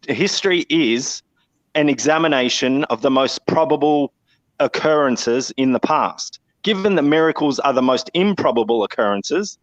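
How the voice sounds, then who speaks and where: A man's voice: medium pitch, no room sound, poor audio. A man from Tasmania, joining a casual online discussion by audio only and making frank, explanatory arguments. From Tasmania, Australia. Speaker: guest speaker. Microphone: audio-only video call.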